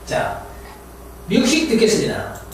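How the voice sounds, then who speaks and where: A man teaching an English lesson, drilling pronunciation and having students repeat words slowly after him. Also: sits high, wildly swooping pitch, creaky, distant mic. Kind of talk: classroom lecture with pronunciation drills. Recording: echoey room, voice from afar, faint hiss.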